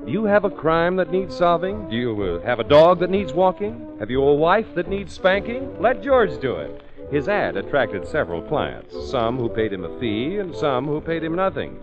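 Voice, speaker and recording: Male old-time radio announcer, theatrical and very lively, music behind, dull vintage recording. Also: on the high side, normal speed. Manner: polished, theatrical announcer delivery. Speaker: announcer and narrator of a radio detective show.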